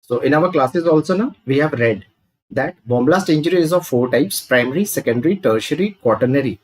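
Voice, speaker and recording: A male medical lecturer with a North Indian accent runs a live online exam review class. His slightly high, darkish voice is expressive and brisk as he poses questions and answers them himself, repeating key points didactically. He mixes Hindi phrases into his English.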